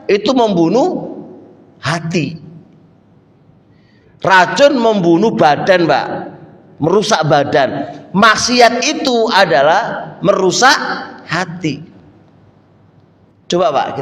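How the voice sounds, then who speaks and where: A middle-aged man with an East Javanese accent, giving a lively, folksy sermon in a mosque study circle, full of rhetorical questions and Javanese asides. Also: fairly high pitch. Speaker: religious teacher. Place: mosque hall. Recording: echoey mosque hall with long reverb.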